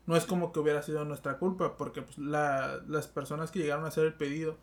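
A man's voice: a little high, level tone, fast talker. A man with a Mexican accent in casual chat, hesitant and repeating words as he searches for them. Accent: Mexican Spanish.

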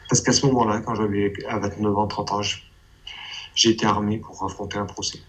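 A man's voice: on the low side, level tone, fairly quick, a bit bright. A man giving a hesitant personal testimony in an interview, often repeating and restarting his phrases.

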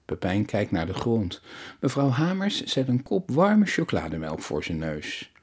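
A man narrating a children's story aloud in a calm, even way. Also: on the low side, measured pace, breathy edge.

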